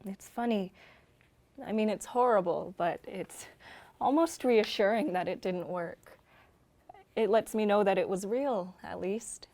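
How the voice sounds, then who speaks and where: A woman playing a young woman facing her end together with her partner, speaking softly and tenderly in a drama reading. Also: medium pitch, measured pace, close to an everyday voice. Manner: soft, tender, often hushed. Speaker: actor. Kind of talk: staged radio-style drama reading.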